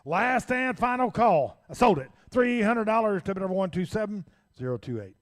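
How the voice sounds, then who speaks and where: A man working as an auctioneer, calling bids in a rapid, folksy, repetitive chant. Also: high voice, expressive.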